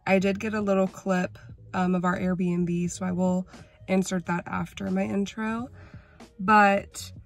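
A woman vlogging in a chatty, rambling way, her voice hoarse from a chest cold. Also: medium pitch. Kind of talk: casual vlog chat.

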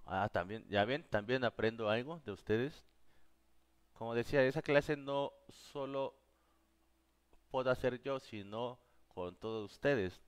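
A man's voice: medium pitch, a little slow, smooth. A man with as his teaching a live online class, patiently answering viewers' questions. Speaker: Korean teacher.

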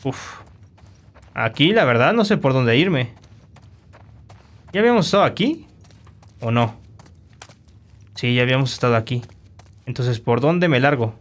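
A man commentating his own gameplay, animated and quick to shout insults at enemies. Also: medium pitch. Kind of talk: let's play commentary.

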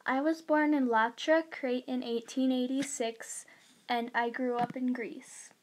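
A woman's voice: high-pitched, fairly even intonation, measured pace, slight background noise, low-quality recording. A woman voicing a young male immigrant miner, in an earnest first-person school history narration read plainly aloud.

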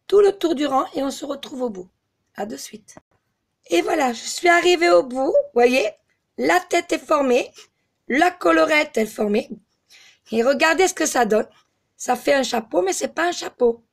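A slightly hoarse woman giving a step-by-step crochet tutorial, patiently counting stitches aloud. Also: high voice, expressive, measured pace, pauses often. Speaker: crochet teacher.

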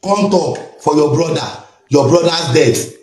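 A Nigerian man with a slightly high voice scolds in an exasperated commentary rant. His voice bounces around a roomy, echoing space. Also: a little slow, a little mellow. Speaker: social media commentator. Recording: roomy echo.

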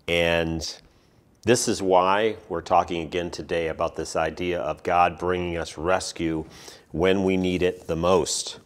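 A man, a pastor, giving a relaxed, conversational sermon. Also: deep voice.

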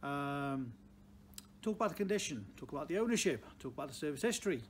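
An older man from the Potteries speaks in a Stoke accent at a slightly raised pitch. He gives off-the-cuff, plain-spoken advice as a car dealer talking to camera. Some background noise of a showroom sits behind his voice. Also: very animated, fast talker. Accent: Stoke-on-Trent (Potteries). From Stoke-on-Trent, England. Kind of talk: unscripted direct-to-camera advice talk. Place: large indoor car showroom.

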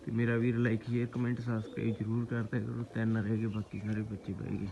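A man's voice: lowish voice, completely flat delivery, fast talker, vocal fry. A man with a Punjabi accent chatting casually to viewers in an informal, brotherly, rustic way as a farm vlogger. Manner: informal rustic talk, repeatedly greeting and addressing viewers as brothers. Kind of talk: casual chatty outdoor vlog, addressing viewers as friends. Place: outdoors on a farm. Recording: noisy outdoor rural ambience, birds and animals.

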